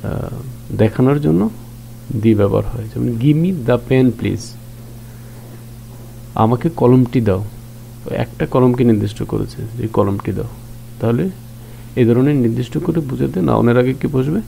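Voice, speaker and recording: Gravelly-voiced man teaching grammar. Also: mid-range voice, normal speed, long pauses, warm tone, a little hiss or hum, rough recording. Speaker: English teacher. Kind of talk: grammar lesson explained in Bangla.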